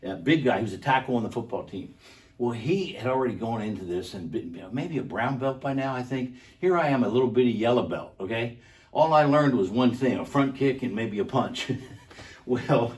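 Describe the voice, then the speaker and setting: Older guy telling a karate story, low voice, kinda far from the mic. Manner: animated storyteller, laughs often. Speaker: co-host, karate instructor. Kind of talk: casual demonstration and storytelling.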